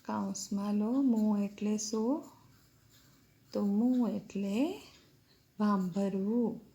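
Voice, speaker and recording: A woman teacher leads a dictation lesson for children, deliberate and unhurried, spelling each word letter by letter. Her voice is dark and mellow with a gravelly edge, and she speaks at a very slow, measured pace. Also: medium pitch.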